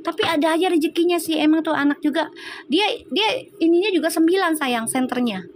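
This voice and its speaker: A middle-aged woman, telling family stories in a casual live-stream chat as a tarot reader, animated and quick to laugh. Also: very high voice, noisy background. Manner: chatty, animated storytelling with frequent laughter.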